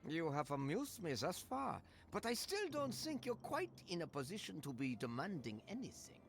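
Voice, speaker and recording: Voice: mid-range voice, very animated, normal speed, slight background noise. An actor voicing a haughty, sinister video game villain with formal, precise, condescending speech who toys with the listener. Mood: haughty, amused. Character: creepy, haughty little girl hiding a sinister controlling old man. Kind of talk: video game character acting. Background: game music.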